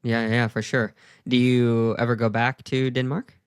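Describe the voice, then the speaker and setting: A man's voice: mid-range voice, little pitch movement, moderate pace, clean tone, no room sound, studio quality. A man hosting a podcast interview, chatting in a friendly, casual way with lots of fillers. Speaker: podcast host.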